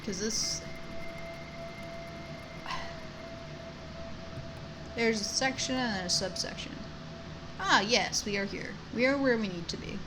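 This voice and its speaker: A woman's voice: fairly high pitch, moderate pace, background noise. A woman giving casual, self-deprecating commentary while she plays a video game, chatting to the characters. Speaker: gamer commentating a playthrough. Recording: game music behind voice. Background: video game music.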